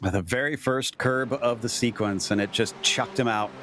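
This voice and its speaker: A man working as a motorsport commentator, calling a sim race live in a measured play-by-play that lifts with the action. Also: medium pitch, a bit bright, a little hiss or hum. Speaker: motorsport commentator, lead caller.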